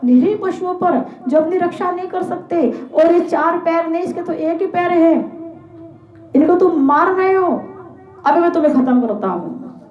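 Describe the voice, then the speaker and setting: A woman's voice: high-pitched, very animated, fairly quick, long pauses. A woman telling a scripture story, voicing a stern and furious young king who commands and condemns. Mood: angry. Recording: echoey, tinny phone-like sound.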